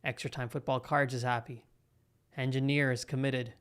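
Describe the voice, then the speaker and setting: A young man hosting a live football watch-along, calling the play with excitable reactions and chatting to his viewers. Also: medium pitch, normal speed, clear, resonant tone. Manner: excitable, talks to live chat between play calls. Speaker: live football stream host. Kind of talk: live match reaction commentary.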